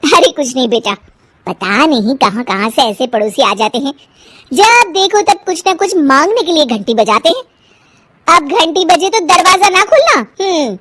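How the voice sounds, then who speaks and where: A woman's voice: high-pitched, very animated, normal speed, a bit bright. A woman voicing a rude, bossy housewife in a storybook tale, haggling and snapping at others. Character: sharp-tongued rude housewife mother.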